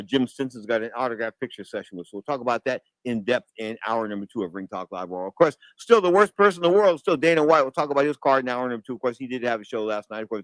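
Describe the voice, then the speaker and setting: A man's voice: mid-range voice, a bit bright, no echo, poor audio. Brash male sports radio host, dry sound. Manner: brash, slangy, opinionated. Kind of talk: boxing talk radio monologue. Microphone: close studio broadcast microphone.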